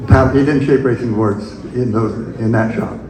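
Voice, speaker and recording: An older man reminisces about his youth, pausing, restarting and chuckling softly. His mid-range voice sits in a roomy, echoing museum space. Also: medium pitch, steady tone, a crowd in the background. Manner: rambling, halting storyteller with chuckles. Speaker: invited speaker. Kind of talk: telling personal memories at an event. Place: room at a museum event.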